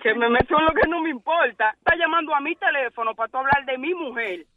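A man on the phone arguing defiantly with a caller, mocking and cursing loudly. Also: very high voice, quick pace, very noisy. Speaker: prank call target. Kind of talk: heated phone argument. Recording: muffled phone line.

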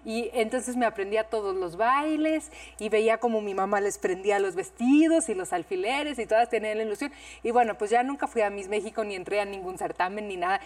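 A woman's voice: mid-range voice, a little fast, few pauses. Mexican woman telling a childhood story. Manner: animated, nostalgic storytelling. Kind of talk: casual chat. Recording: distant mic.

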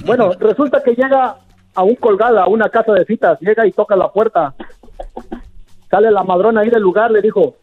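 Radioescucha mexicano, chiste por teléfono, tono aguda y desenfadado, música leve detrás. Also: male voice, sits high, brisk, slightly rough, faint music behind. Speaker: caller. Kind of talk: telling a joke. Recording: tinny phone line.

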